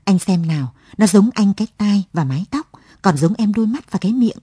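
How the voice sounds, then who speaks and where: A woman's voice: medium pitch, expressive, fairly quick, warm tone, husky, dry recording, studio quality. Woman reading as a tearful, bewildered young mother. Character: young mother searching for her husband.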